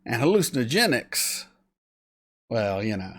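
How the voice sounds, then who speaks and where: A man's voice: mid-range voice, very animated, a little slow, a bit bright. A man hosting a reaction channel, giving casual commentary with mocking asides and frequent laughs.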